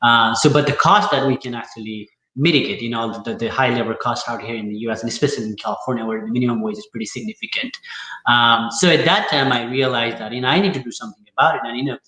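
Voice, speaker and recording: A man's voice: medium pitch, quick pace, pushed and bright, reverberant, poor audio. A man from Nepal, a guest accountant talking casually and hesitantly with many fillers. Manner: hesitant, lots of fillers and restarts. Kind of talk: casual interview talk.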